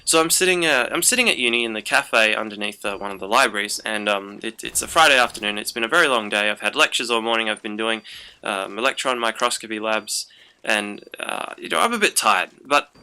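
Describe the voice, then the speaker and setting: A man's voice: fairly low pitch, brisk, bright, forceful tone, smooth. A young man hosting a gaming channel, telling a rambling story in casual commentary over gameplay, with frequent fillers. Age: young adult.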